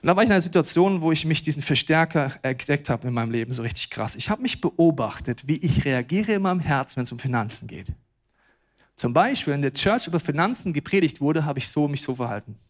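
A man delivers a church sermon in speech. His voice sits fairly high, and he swings from quiet, intimate lines to loud, emphatic bursts. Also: expressive, quick pace. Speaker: pastor.

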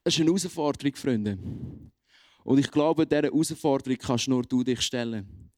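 A young man preaching a youth sermon in a lively, colloquial way. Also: mid-range voice, moderate pace, no echo, clean studio sound. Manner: lively, colloquial, animated acting out of quotes.

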